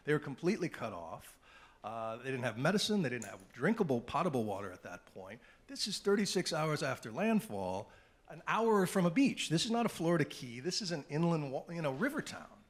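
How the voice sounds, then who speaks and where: Middle-aged male journalist, panel speaker, animated anecdotal delivery, medium pitch. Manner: animated anecdotal storytelling with asides. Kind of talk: storytelling at a panel talk.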